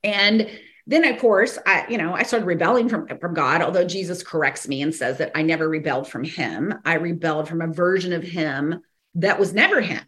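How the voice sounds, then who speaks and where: A woman from the American South hosts a teaching podcast as a ministry teacher, speaking at normal speed in a slightly hoarse, fairly low but fairly bright voice. Her talk rambles casually, full of fillers and restarts, with brief laughs between thoughts.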